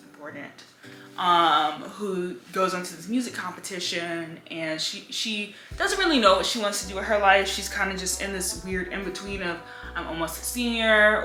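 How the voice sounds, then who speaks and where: A woman's voice: lowish voice, sharp tone. A young woman chatting casually about books in a home room, filling her talk with "like.". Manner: chatty, lots of "like" fillers. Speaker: book vlogger. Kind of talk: casual chat. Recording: echoey room with faint music.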